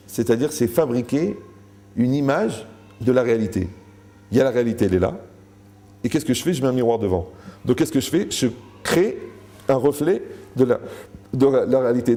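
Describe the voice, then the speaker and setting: A man's voice: medium pitch, mellow. A man giving a Torah lecture to a live audience, joking, asking the room questions and acting out the people he quotes.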